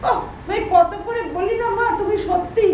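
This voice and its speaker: A woman's voice: very high voice, fairly even intonation, moderate pace, darkish tone, a little hiss or hum. An actress playing a daughter-in-law who keeps repeating words to correct her deaf mother-in-law. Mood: exasperated. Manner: patient then exasperated, repeating words. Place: large auditorium stage. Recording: echoey hall from far off.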